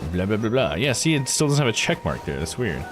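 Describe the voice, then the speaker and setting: Over background game music, a video game streamer talks through a casual let's-play, thinking aloud and reading the game text as he goes. His voice is lowish and sing-song, and he talks fast.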